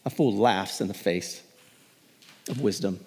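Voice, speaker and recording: A pastor in his thirties preaching a sermon, telling stories and rising in pitch and volume when he reads scripture. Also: a little slow, breathy edge. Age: 30s. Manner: storytelling, rising loud and high when reading scripture. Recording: long hall reverb.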